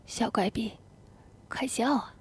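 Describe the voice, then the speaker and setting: A woman voicing a tender, teasing young husband in a whispered role-play, with a hushed, coaxing murmur. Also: on the high side, fairly even intonation, moderate pace, slightly rough, dry recording.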